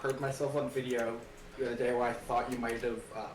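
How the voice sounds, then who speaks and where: A co-host on a call chats casually in a nasal, stuffy voice, rambling with lots of fillers. He speaks a little fast at a medium pitch with little pitch movement. An old webcam microphone captures him from a distance, making the audio echoey and noisy.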